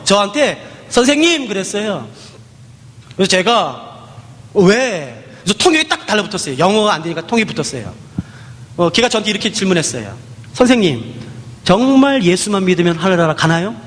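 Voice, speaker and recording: A man's voice: high-pitched, a bit bright, big-room sound. A man preaching a sermon, telling a story with acted dialogue and dramatic rises and falls.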